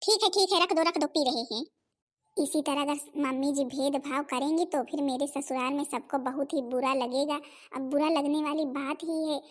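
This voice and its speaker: A woman voicing a loyal younger daughter-in-law who calms her mother and defends her sister-in-law in a Hindi cartoon. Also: high voice, lightly acted. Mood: earnest. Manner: soothing, reassuring.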